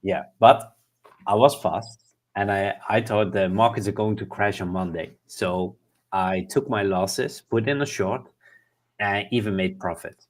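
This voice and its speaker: A man co-hosting a casual livestream, talking in a relaxed, chuckling way. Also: lowish voice, unhurried. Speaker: livestream co-host.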